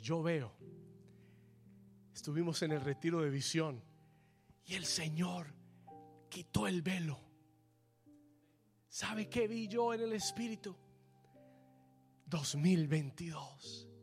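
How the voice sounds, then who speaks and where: A man preaching a fervent sermon as pastor, calling on the congregation to repeat after him and echoing his lines in English. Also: on the high side.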